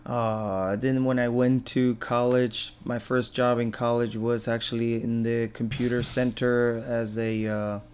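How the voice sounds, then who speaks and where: A middle-aged man from Argentina, a business owner answering interview questions in a relaxed, rambling way with many fillers. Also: mid-range voice, measured pace, hardly any pauses, clean tone.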